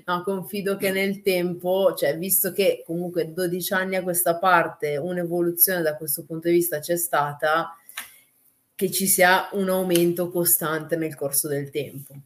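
Female, quite low register; frank, slangy interviewee in casual conversation. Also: fairly even intonation, moderate pace. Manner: informal, blunt, slangy. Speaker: wrestler and guest.

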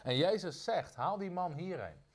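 A man preaching a sermon, emphatic, repeating phrases and slowing down on key lines. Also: fairly high pitch, expressive.

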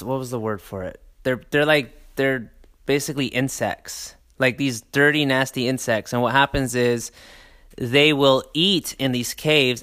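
Guy telling a travel story, lots of ums, smooth clear voice, mid pitch. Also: a bit bright. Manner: rambling, enthusiastic, many fillers and restarts. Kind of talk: casual travel chat.

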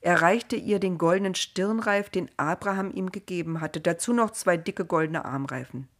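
Woman, low-ish voice, calm storyteller, gentle reading of a Bible story. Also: moderate pace.

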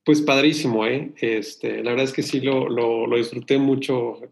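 A man's voice: medium pitch, fairly even intonation, normal speed, creaky. A man with a Mexican accent, a podcast guest talking casually and hesitantly, with many fillers.

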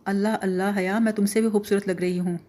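A woman voicing an excitable, proud little girl in an audiobook, talking loudly and insistently. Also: medium pitch, close to an everyday voice. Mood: delighted.

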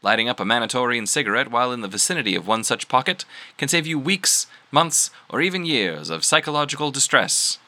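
Man playing a cheery radio ad announcer, smooth salesman pitch, old-time radio style, bright tone. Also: lively intonation, a little fast, hardly any pauses. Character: cheery male radio announcer selling cigarettes.

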